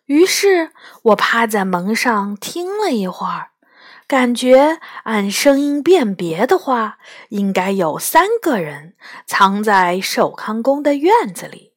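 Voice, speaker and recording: A woman telling a children's story in first person. Her voice sits fairly high and moves animatedly. Her pace is unhurried and expressive. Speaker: narrator.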